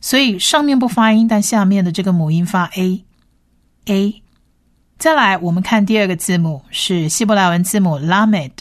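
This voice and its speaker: Woman slowly teaching Hebrew pronunciation. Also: mid-range voice. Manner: slow, careful syllable-by-syllable pronunciation drills. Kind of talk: radio-style language lesson.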